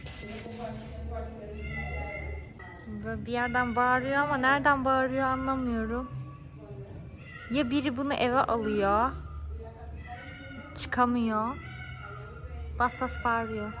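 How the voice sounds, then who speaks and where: A woman's voice: on the high side, steady tone, measured pace, pauses often. A woman talking casually in a home vlog, chatty and rambling with informal asides. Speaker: vlogger. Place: at home, indoors.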